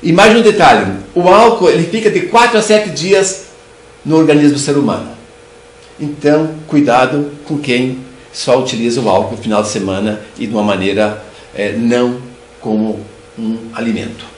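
A man's voice: mid-range voice, normal speed. An older man with a Brazilian Portuguese accent giving a clinical lecture as a dental surgeon, explaining step by step and often restarting words. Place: room with bookshelves. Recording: echoey room sound.

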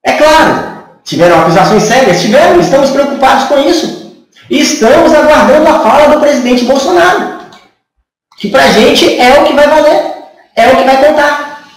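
A man's voice: very high voice, recorded from a distance. A man in his thirties with a Brazilian Portuguese accent, giving a rhetorical, sarcastic political opinion monologue to camera in a small room. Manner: rhetorical, sarcastic, asks many questions. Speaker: channel host. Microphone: camera from a few feet away. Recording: echoey room, voice a bit off-mic.

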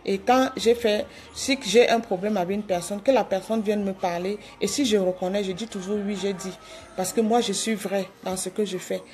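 A woman's voice: medium pitch, fairly even intonation, normal speed, darkish tone, faint music behind. A woman on a phone live stream, pleading with her followers, repeating herself with hesitant restarts. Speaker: livestreamer addressing her followers. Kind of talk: live video apology.

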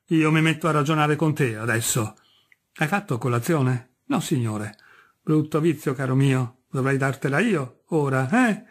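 A man doing a gruff, scornful old landowner. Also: on the high side. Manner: brusque and scornful, barking questions. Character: gruff old male landowner, mocking and impatient.

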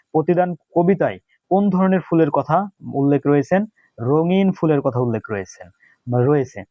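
A man's voice: a little high, darkish tone, no echo, dull audio. A young man, running an exam-prep lesson, reading each question and repeating the answers. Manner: reads questions then answers, repeats key answers.

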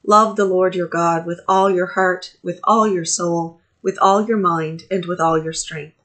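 Middle-aged lady priest reading the liturgy, steady and measured, webcam in a little office. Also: lowish voice. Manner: measured, steady reading with pauses between phrases. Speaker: priest leading morning prayer. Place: small office at home. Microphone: webcam at desk distance.

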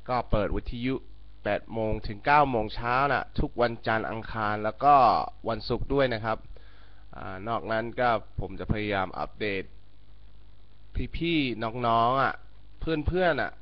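A young American man, a native English speaker, chatting casually in halting Thai with an American accent for a morning vlog. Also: lowish voice. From United States. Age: young adult. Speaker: vlogger. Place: small room indoors. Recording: dull lo-fi webcam audio.

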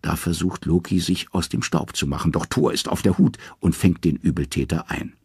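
A male audiobook narrator tells myths in a lively, expressive way. His voice is very low and gravelly with a husky edge, and the sound is dry and close. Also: normal speed, dry recording. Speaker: audiobook reader. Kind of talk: scripted storytelling narration.

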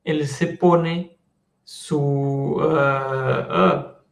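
A man with a Colombian accent teaching French in an online class, patiently explaining and slowly modeling the French sounds. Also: medium pitch, fairly even intonation, reverberant.

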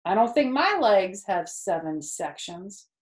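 A woman's voice: medium pitch, very animated, measured pace, reverberant. A woman voicing a young, boastful little pig in a storybook, eager and naive. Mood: amazed.

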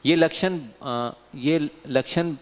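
Man reading out a scripture commentary, slow and careful, stops and repeats words, voice ringing in a big hall. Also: a little high. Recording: long hall reverb.

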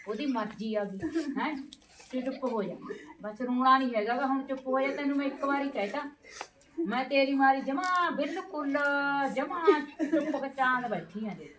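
An actress playing a middle-aged mother who hushes and comforts her son's widow over and over. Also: a little high, roomy sound, far from the mic, noisy background, close to an everyday voice. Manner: soothing, repeats hushing words.

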